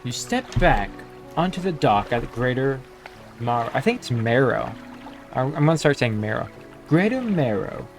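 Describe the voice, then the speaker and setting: A man's voice: mid-range voice, expressive, moderate pace. Casual man narrating gameplay. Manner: reads game text aloud, thinks aloud casually. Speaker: gamer. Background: game music.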